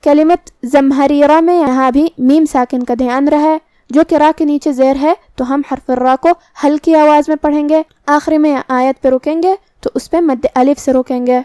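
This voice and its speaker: A woman teaching Quran recitation rules, explaining each pronunciation point slowly and carefully. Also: high-pitched, steady tone, warm tone, no room sound, studio quality. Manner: slow, careful explanations with demonstrated words.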